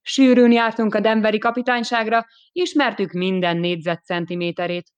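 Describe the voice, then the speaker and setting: A woman giving a lively, expressive first-person audiobook narration. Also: mid-range voice, smooth.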